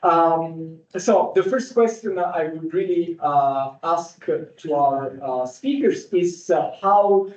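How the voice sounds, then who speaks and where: A man's voice: fairly high pitch, slow, hardly any pauses, darkish tone. A man moderating an academic panel, hesitant and full of filler sounds, in a seminar room. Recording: echoey room, distant dull mic.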